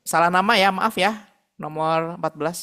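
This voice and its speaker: A man's voice: high voice, moderate pace, pushed and bright, clear, resonant tone. A man tutoring a math class over a video call, patiently working through problems aloud. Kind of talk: online math lesson.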